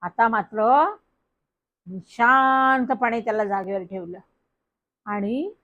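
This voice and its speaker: Woman reading a funny story out loud, high voice, really expressive. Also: slow pace, highs cut off. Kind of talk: reading a humorous story aloud.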